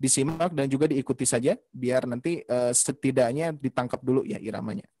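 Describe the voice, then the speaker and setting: A man's voice: medium pitch, dark tone, slightly rough, dry recording, studio quality. A man teaching Quran recitation in an online class, patiently walking students through a melody step by step. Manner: patient, repeats melody drills slowly and sings the tones. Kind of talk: online class over video call. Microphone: video call.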